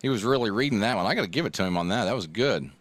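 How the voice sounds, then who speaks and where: A man doing relaxed, joking play-by-play commentary for a local high school baseball game, as a regular announcer. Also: rapid-fire, no echo. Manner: relaxed, joking, gets loud and excited on the home run.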